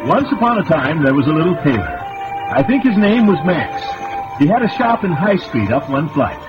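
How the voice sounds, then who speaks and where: A man tells a children's tale in a folksy, chatty way, chuckling at his own asides. His voice sits a bit high and swoops widely in pitch. It comes through a very old, dull recording with loud music under it. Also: sing-song, moderate pace. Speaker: storyteller. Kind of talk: children's story narration.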